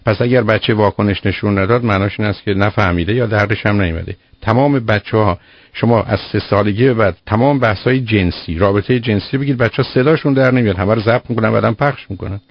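A man's voice: on the low side, no room sound. A man giving firm child-rearing advice to a caller on a call-in show, explaining with everyday examples. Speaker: child psychologist answering a caller. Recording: dull lo-fi radio broadcast.

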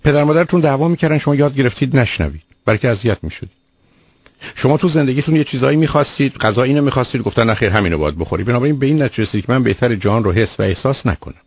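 Radio advice guy, deep-ish husky voice, straight-talking and preachy, muffled radio audio. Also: lively intonation, no echo. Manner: direct, lecturing, rhetorical questions. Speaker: radio psychologist host. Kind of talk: radio call-in counseling.

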